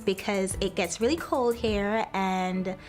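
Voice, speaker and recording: Expressive young woman from Jamaica. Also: mid-range voice, takes it slowly, faint music behind. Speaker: student. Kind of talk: interview testimonial.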